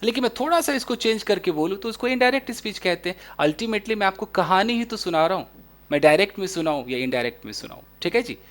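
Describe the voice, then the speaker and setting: Man, English teacher, animated up-and-down voice, slow deliberate example sentences. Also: high-pitched. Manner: lively explaining, reads English examples slowly and deliberately. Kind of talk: spoken English lesson in Hindi.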